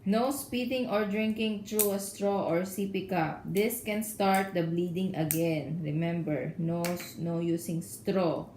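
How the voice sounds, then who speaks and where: A woman's voice: fairly low pitch, steady tone, measured pace, few pauses, darkish tone. A woman, a mother, reading care instructions aloud in an instructive way and checking that she is understood. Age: adult. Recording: echoey room with faint noise.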